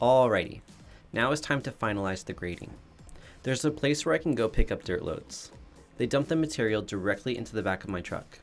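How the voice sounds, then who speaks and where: A DIY home renovation vlogger narrates his backyard makeover in a plain, matter-of-fact voice-over. His voice is on the low side, expressive and brisk. It wasn't recorded in the yard shown, and soft music plays underneath.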